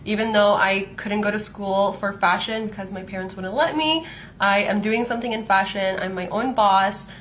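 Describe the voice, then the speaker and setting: A woman's voice: medium pitch, normal speed, a bit bright, a little hiss or hum. A woman of twenty-five, from Canada by way of Palestinian roots, chatting casually about her life while doing her makeup, with lots of "like" fillers. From Palestinian, born in Saudi Arabia, raised in Canada. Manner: chatty, frequent "like" fillers, light laughs. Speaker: fashion content creator. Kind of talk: casual get-ready-with-me storytelling.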